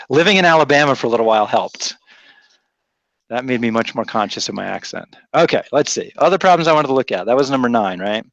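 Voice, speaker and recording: A man's voice: mid-range voice, vocal fry, dry recording, lo-fi sound. A man from Rhode Island with a faint accent, teaching a math class in a chatty, teasing way and thinking aloud. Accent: faint Rhode Island, mostly softened. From Rhode Island, USA. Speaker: math instructor. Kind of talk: classroom lecture.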